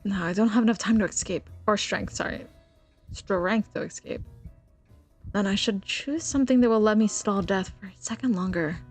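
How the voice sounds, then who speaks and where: A woman's voice: mid-range voice, moderate pace, breathy edge, faint music behind. A young woman streaming a game, chatting playfully and reading the dialogue aloud. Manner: chatty, playful, reads dialogue with small voices. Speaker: VTuber streamer.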